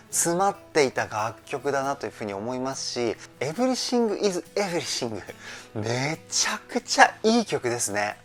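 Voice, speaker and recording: A man's voice: medium pitch, a bit bright. A man working as a vocal trainer, giving enthusiastic, polite commentary that analyzes a song's singing and explains vocal terms.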